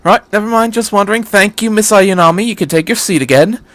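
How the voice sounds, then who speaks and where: A man's voice: sits high, fast, fairly bright tone, no room sound, voice pushed up. A man voicing an eccentric, playful time-traveling doctor who chatters airily and wanders into digressions, in a story reading. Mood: breezy rambling. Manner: airy, digressive, quizzical chatter.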